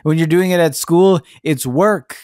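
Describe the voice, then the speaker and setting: A young man co-hosting a casual podcast chat, joking and slipping into high mocking voices. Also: unhurried, a little mellow, dry recording, clean studio sound. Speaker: podcast co-host.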